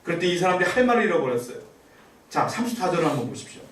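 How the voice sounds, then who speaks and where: Male pastor, high voice, rapid-fire delivery, preaching with rhetorical questions; echoey church hall, mic at a distance. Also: big pitch swings, a little hiss or hum. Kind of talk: sermon. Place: church sanctuary. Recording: echoey church room, voice from far off.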